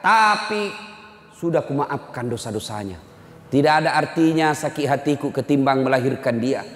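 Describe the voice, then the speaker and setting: A man's voice: medium pitch, expressive, moderate pace, natural voice. A man voicing a grieving mother who begs for her son's life. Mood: pleading. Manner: shouting, begging. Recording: echoey hall with long reverb.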